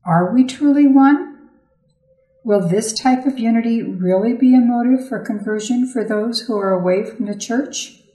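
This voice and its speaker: A woman reading a Gospel passage and its commentary aloud in a measured, solemn way. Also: fairly high pitch, warm tone. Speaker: scripture reader. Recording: roomy echo.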